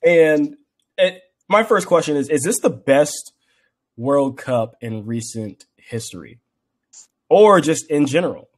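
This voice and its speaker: A young man co-hosting a podcast, chatting casually and acting out bits of stories with lively swings in voice. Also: on the high side, slow. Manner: animated storytelling, acts out quotes. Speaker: podcast co-host. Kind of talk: casual chat.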